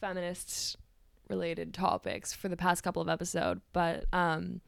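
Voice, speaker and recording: A teenage girl with a fairly low voice co-hosts a political podcast. She talks loosely, with plenty of fillers, and often lets her sentences trail off quietly. The recording is dead dry. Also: very animated, moderate pace, vocal fry, no room sound. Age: teens. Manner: casual, filler-heavy, trailing off softly. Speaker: podcast co-host. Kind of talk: casual political podcast chat.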